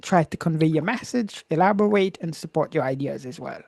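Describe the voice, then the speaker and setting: A man with a Haitian accent who teaches English, leading a live debate over a video call with lively encouragement. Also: fairly high pitch, a little fast, gravelly, no echo, clean studio sound. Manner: lively, encouraging, switches between English and Creole.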